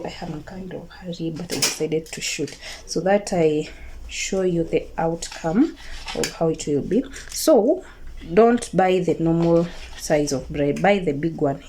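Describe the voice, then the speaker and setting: A woman's voice: on the low side, mellow. A Kenyan woman with a Kikuyu accent giving a casual cooking tutorial, repeating her words, checking in with viewers and mixing in some Swahili. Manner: mixes Swahili words into English. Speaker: home cook presenting a recipe video. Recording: clearly noisy home recording, kitchen clatter.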